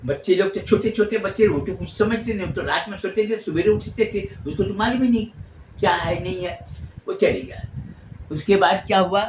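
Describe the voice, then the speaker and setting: A man's voice: high-pitched, a little fast, a little mellow, echoey room, a little hiss or hum, rough recording. A man casually telling a long story in spoken style, rambling and often repeating and recapping himself.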